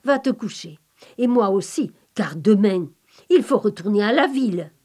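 A woman voicing an exasperated, practical grown man who sounds gruff and resigned. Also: medium pitch, lively intonation, normal speed, a little mellow, natural voice. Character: exasperated practical male cousin, a craftsman.

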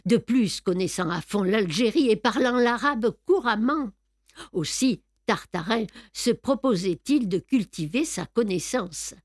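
A woman narrating an audiobook in a measured, expressive storytelling manner. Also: fairly high pitch, dry recording, clean studio sound.

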